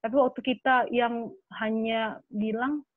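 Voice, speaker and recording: A young adult woman speaking as a guest in an earnest, animated casual chat with many fillers. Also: on the high side, unhurried, no room sound. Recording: tinny phone-like line.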